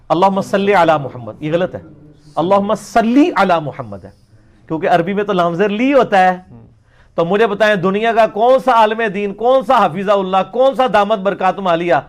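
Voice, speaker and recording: A middle-aged man with a high-pitched voice argues in a combative, boastful tone. He stretches into slow, drawn-out chanted recitation between his points. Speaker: religious speaker answering critics. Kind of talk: polemical talk with Quran recitation.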